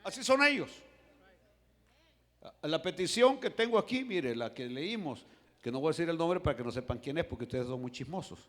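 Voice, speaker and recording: A man preaches with a bright, lively voice that rises and falls widely. He swings from hushed lines to shouting, with humorous asides, and a long church-hall reverb trails every phrase. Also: a little high, normal speed. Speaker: pastor. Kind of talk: Spanish-language sermon. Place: church sanctuary.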